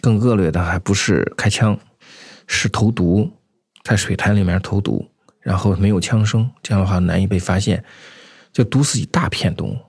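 A man with a deep, husky voice recounts his own experiences in an interview. He talks conversationally and haltingly, circling back over phrases, in a dry recording. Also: no room sound. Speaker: anti-poaching patroller, interview guest. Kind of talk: unscripted first-person storytelling.

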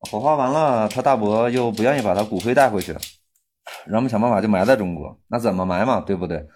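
A man in his thirties, a volunteer aid worker, telling a personal story in casual speech, halting and full of restarts, growing heated when angry. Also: on the low side, darkish tone. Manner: halting, many restarts and fillers, rising heat when angry.

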